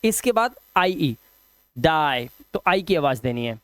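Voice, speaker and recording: A man teaching English pronunciation, drilling word lists slowly and chatting with viewers between rules. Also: fairly high pitch, sing-song, a bit bright, clear, resonant tone, dry recording. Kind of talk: spoken English lesson.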